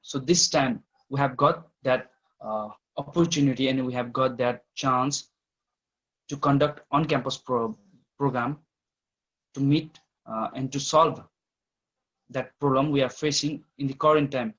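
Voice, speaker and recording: Halting Nepali-accented man, dull lo-fi audio. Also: mid-range voice, fairly even intonation, fairly bright tone. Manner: halting, hesitant phrasing. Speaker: campus director giving welcome speech. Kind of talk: informal speech in an online event. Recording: dull, lo-fi online call audio.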